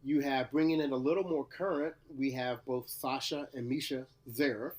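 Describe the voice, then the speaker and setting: A man's voice: mid-range voice, fairly even intonation, normal speed, darkish tone. A man from Louisiana, co-hosting a casual podcast chat in a playful, teasing way. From Louisiana, USA. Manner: laid-back, playful, teasing. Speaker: podcast co-host.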